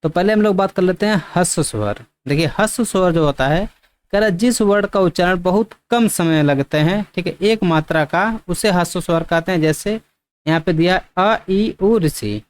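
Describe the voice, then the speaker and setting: A man's voice: high voice, moderate pace, no echo. A man teaching an exam-prep grammar lesson. He often checks in with "theek", asks questions and answers them himself, and sometimes stretches words out to demonstrate them.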